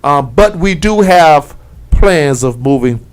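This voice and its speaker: A man's voice: on the high side, expressive, slow pace. A man hosting an internet radio talk show, speaking earnestly and from the heart. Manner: earnest, heartfelt shout-outs.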